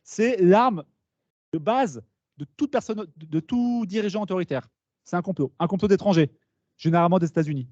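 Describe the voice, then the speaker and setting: A man giving a lively conference talk to students, explaining with asides and questions to the audience. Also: high voice, moderate pace, dry recording. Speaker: speaker at a talk. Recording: dull, slightly lo-fi meeting recording.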